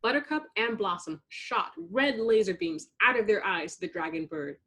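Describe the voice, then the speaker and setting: At a moderate pace and medium pitch, a woman brings a children's storybook to life with expressive narration as she reads it aloud.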